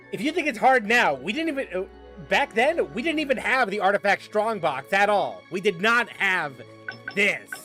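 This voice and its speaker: During a game stream, a man chats casually with his viewers, rambling, laughing frequently and restarting what he says. His voice is high with a sharp tone.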